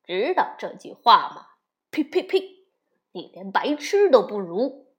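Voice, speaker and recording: A woman voicing a cocky, tall bully boy bear who taunts and sneers loudly in a storybook reading. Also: medium pitch, big pitch swings, a little slow. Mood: sneering. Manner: sneering, mocking, loud.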